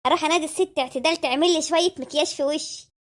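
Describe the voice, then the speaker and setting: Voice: high voice, rapid-fire, close to an everyday voice. A performer voicing a spoiled, demanding Egyptian housewife who talks in a whiny, coaxing way.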